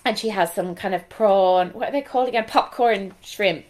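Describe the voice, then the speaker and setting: Here the Galway co-host of the cookbook review show chats easily, her west of Ireland accent clear. The voice is mid-range and a little mellow, moving at a normal speed.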